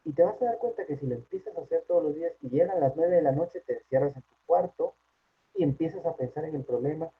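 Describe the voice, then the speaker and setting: Husky man lecturing over a tinny line. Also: on the high side, fast. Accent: Peruvian Spanish. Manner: conversational, frequent tag questions. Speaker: psychologist giving a workplace talk. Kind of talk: informal lecture.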